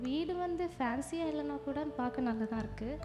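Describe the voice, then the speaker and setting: A woman playing a modest young wife in a church skit. Her soft voice is high and sounds roomy, with a long echo and music behind it. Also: brisk, natural voice. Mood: content. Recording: roomy echoey hall with music.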